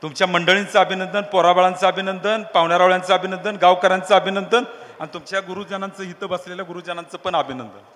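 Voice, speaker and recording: A man's voice: high-pitched, steady tone, fast, hardly any pauses, fairly bright tone. A man preaching to a crowd, teasing them and asking call-and-response questions. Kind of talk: lively sermon with crowd games. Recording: long hall reverb.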